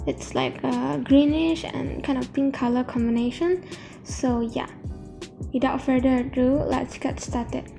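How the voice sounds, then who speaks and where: A woman narrating a casual craft tutorial in a halting, self-correcting way, her speech slightly affected by new braces. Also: high-pitched, vocal fry, warm tone, faint music behind.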